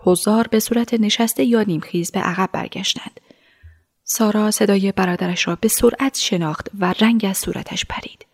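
A woman narrating a story in a measured voice, dropping to a hush at times. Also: medium pitch.

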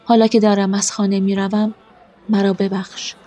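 Gentle young bride, mellow voice, actress, audiobook with faint music. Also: female voice, mid-range voice, flat delivery, muffled recording, lightly acted. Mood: tender. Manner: gentle, affectionate. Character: kind young bride, affectionate and teasing. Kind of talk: audiobook drama.

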